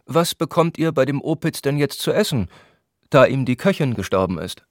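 A man doing a gruff, scolding spa doctor. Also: mid-range voice, lively intonation, moderate pace, no echo, studio quality, pitched above the performer's own voice, close to an everyday voice. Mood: lecturing. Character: brusque, impatient older male spa doctor.

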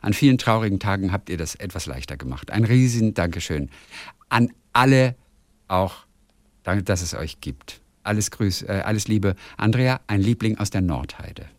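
A male podcast host chats casually and tells stories with lots of melody in his voice. His delivery is animated, and he reads listener messages aloud. The recording is close and dry, with no room sound. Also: lowish voice, moderate pace, no room sound. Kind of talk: casual chat.

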